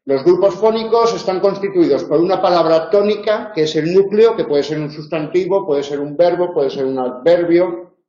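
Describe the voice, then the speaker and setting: A man with a Spanish accent from Spain, tutoring a class, explaining step by step, correcting himself and often tagging his points with quick questions. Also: high voice, dark tone. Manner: explanatory, self-correcting, frequent tag questions. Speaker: university tutor. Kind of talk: lecturing in a tutorial. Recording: roomy, slightly dull classroom recording.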